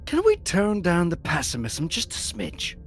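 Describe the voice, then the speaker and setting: A man playing an earnest, reasonable hero's inner voice in a visual novel game, speaking in a measured way. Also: on the high side, wildly swooping pitch, faint music behind. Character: earnest young hero, reasonable inner voice arguing gently.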